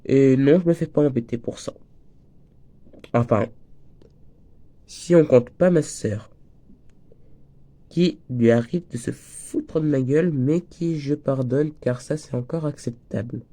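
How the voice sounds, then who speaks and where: A man's voice: medium pitch, slow pace, long pauses, dark tone. A teenage boy with a slight cold and a breaking voice, chatting casually while teaching crochet and wandering off into jokes. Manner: chatty, jokey, wanders off topic. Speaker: crochet tutorial host. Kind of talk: casual tutorial talk.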